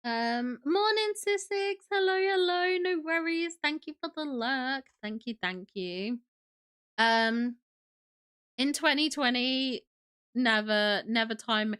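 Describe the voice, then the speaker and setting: A woman's voice: high-pitched, animated, slow, fairly bright tone, clear, resonant tone. A young woman hosting a casual livestream, sniffly from a cold, gushing and chatty as she greets viewers. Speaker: livestream host.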